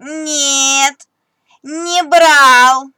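A woman voicing a little boy mouse who fibs and boasts, squeaky and childish, in a storybook reading. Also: fairly even intonation, extremely slow, bright, forceful tone, heavily acted. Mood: fibbing.

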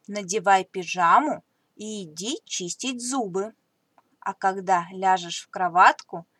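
A woman's voice: medium pitch, a bit bright, no echo. A woman voicing a caring but stern mother mouse who scolds her son in a storybook reading. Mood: gentle.

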